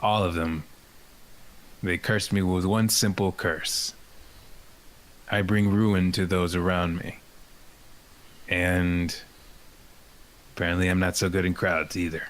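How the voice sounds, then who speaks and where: A man voicing a gloomy, evasive cursed being born from a carcass, speaking in a halting, low-key way in a tabletop game. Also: flat delivery.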